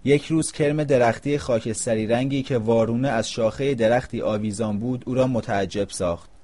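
A man narrating a storybook in a calm, measured reading voice. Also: mid-range voice.

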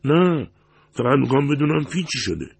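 A man's voice: medium pitch, expressive, creaky, husky, no echo, voice pushed up. A man voicing a restless man who keeps pressing to learn where a missing waitress went, in an anxious, insistent manner.

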